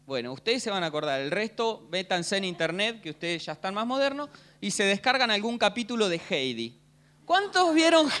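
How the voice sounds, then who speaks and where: An Argentine man preaching with a high-pitched voice that rises and falls dramatically. He tells the story in a playful, joking way and keeps asking his listeners for a "¿sí?" to confirm they follow. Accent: Argentine Spanish. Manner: animated, jokey, keeps asking the crowd "¿sí?". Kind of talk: humorous sermon storytelling.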